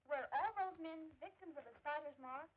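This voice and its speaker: An actress playing a brisk, friendly young woman in a 1930s film serial. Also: high-pitched, close to an everyday voice. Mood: brisk, earnest. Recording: dull old film soundtrack, faint music.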